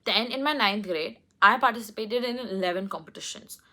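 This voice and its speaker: A woman's voice: medium pitch, brisk, sharp tone. A young woman with an Indian English accent, candidly telling a personal story to the camera and slipping between English and Hindi. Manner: candid, switches between English and Hindi, many "like" and "okay" fillers. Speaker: vlogger.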